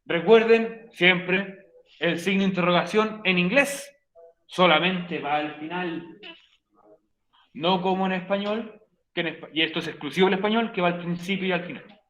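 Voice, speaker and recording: A man's voice: high-pitched, moderate pace, fairly bright tone. A man teaching an English grammar class online, playful and joking with his students while repeating key points. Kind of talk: online class explanation in Spanish. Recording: roomy, dull lo-fi stream audio.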